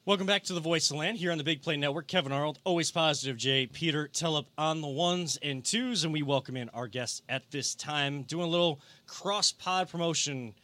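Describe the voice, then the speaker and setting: A young man hosting a casual sports podcast, energetic and given to repeating himself. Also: fairly high pitch, brisk, hardly any pauses. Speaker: podcast host.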